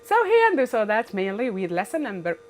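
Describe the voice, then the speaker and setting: A woman's voice: fairly high pitch, huge pitch swings, normal speed, slight background noise. A woman whose first language is Arabic, teaching an English grammar revision lesson with emphatic repetition and frequent checks like "right?" and "good".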